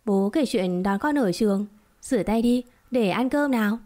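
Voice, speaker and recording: A woman's voice: mid-range voice, animated, normal speed, warm tone, natural voice. A woman voicing a brash young man who retorts and teases, in a storybook reading. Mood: cheerful. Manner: retorting, teasing. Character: brash young man, teasing adoptive father.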